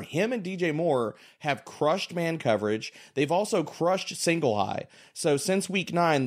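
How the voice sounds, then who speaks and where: A man analyzing fantasy football on a podcast, confidently rattling off stats in a casual way. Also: medium pitch. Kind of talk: casual sports chat.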